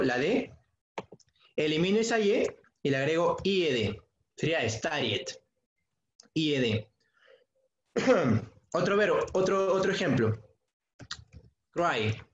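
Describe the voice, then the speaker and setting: In an online class, a male secondary school English teacher with a higher voice patiently repeats key points often and quizzes students by name. The recording is dull and echoey, with a little hiss or hum.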